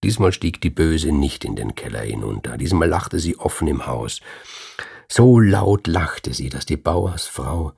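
A man reading a dark fairy tale aloud in a slow, measured storytelling manner. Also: rumbling low, animated. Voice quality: gravelly, husky voice. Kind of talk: storytelling narration.

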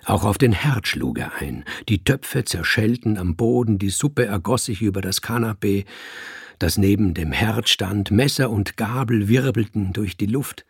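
A man reading a first-person story aloud in slow, measured audiobook narration. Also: on the low side, creaky, husky, no echo, studio quality.

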